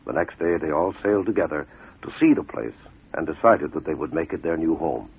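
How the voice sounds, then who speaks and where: In a very deep, animated voice with a breathy edge, a dramatic storyteller reads a scripted fable, pacing his deliberate phrases and letting pauses land for effect. It comes through a muffled radio recording.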